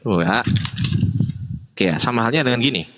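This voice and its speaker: A man's voice: mid-range voice, lively intonation, normal speed, a bit bright, big-room sound, lo-fi sound. A man hosting a casual debate, explaining Arabic grammar in a self-deprecating way, with lots of fillers. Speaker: Islamic preacher and debate host.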